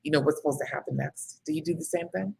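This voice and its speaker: A woman with a low, husky voice hosts a casual livestream as a book coach. She chats freely, laughs often and reads out viewer comments. There is a gravelly edge to her speech. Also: fast, mellow. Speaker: book coach hosting live writing sprints. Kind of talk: casual live-stream chat.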